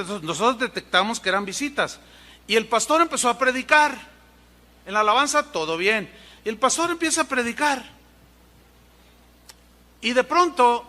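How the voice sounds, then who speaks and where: A man preaching, telling humorous anecdotes in an animated way and imitating sounds. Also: high voice. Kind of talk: sermon storytelling.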